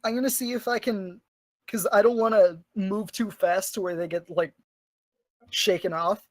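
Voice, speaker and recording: A woman playing a tabletop game, asking the game master quick, casual questions. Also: medium pitch, steady tone, a little mellow, no room sound. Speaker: player.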